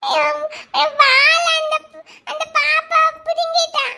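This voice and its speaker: A woman's voice: very high-pitched, flat delivery, takes it slowly, creaky, pushed and bright, a little hiss or hum, exaggerated voice. A woman voicing a stubborn, clingy little boy in a cartoon, childish and often tearful. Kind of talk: cartoon voice acting.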